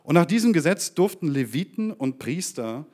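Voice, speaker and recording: A man preaching a sermon, addressing his congregation with rhetorical questions and reading the scripture passage in a slower, lower voice. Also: very animated, a little mellow.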